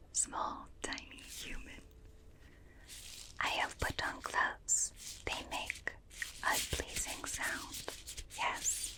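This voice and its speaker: A woman whispers breathily into a binaural microphone in an ASMR roleplay, playing a gentle, curious alien examiner. She speaks slowly in formal, clinical, stilted phrases, sounding fascinated.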